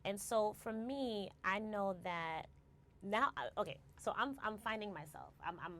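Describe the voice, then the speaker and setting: A female company founder from the U.S. speaks in an animated, fairly bright mid-range voice at a measured pace. As an interview guest she reflects openly, often checking in with "right?" and restarting words.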